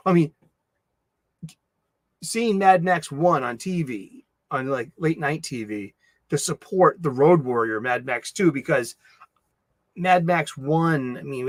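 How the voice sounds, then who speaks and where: With a voice on the high side and no room sound, a middle-aged livestream host from Boston makes casual chat, rambling and mumbling through many restarts and fillers.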